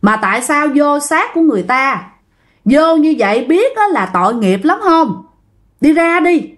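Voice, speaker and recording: A stern old village exorcist, as a woman narrator puts him on, who scolds and orders a spirit out in a commanding tone. The voice stays fairly high and animated. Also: normal speed.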